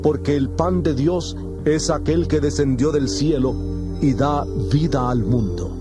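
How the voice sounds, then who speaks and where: A man voicing Jesus as a calm, solemn teacher, his voice sitting a little high for a man. He speaks each line slowly and with great weight, as in a dramatized audio Bible. Music plays softly behind him. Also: lightly acted. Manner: measured, solemn, declamatory. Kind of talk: dramatized scripture reading. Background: background music.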